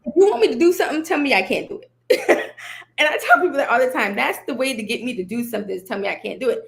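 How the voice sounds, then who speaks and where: A woman guest on a podcast, telling her story in casual conversation, animated and laughing often as she quotes herself and others. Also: sits high, fast talker, creaky.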